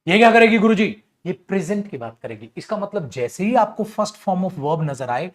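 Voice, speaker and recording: A man teaching English grammar in an online class. He speaks in a fairly high voice, lively and playful, teasing his students as he explains. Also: moderate pace. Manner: lively, jokey, addresses students as beta, acts out student voices.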